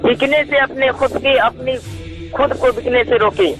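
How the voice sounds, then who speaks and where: Over a live call recording with music behind it, an activist caller speaks in a very high voice with fairly even intonation, unhurried. He's deferential but insistent in this casual phone discussion, often repeating himself.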